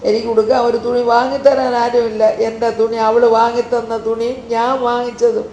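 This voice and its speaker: An elderly woman crying as she haltingly recounts family grievances, repeating her words. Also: fairly high pitch, flat delivery, dark tone, reverberant, a little hiss or hum, rough recording. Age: older. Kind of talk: emotional personal account.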